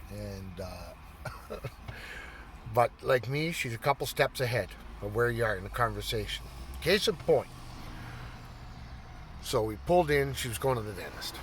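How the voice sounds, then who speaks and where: A man's voice: medium pitch, lively intonation, slow, pauses often, slight background noise. A middle-aged man telling stories in a casual chat, laughing often and swearing casually. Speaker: vlogger. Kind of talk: casual storytelling.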